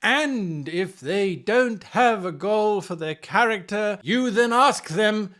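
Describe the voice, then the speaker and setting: Offering advice on tabletop role-playing games, a man presents in a playful, theatrical style with sarcastic asides in this animated explainer. He has a high, animated voice with a fairly bright tone and speaks slowly.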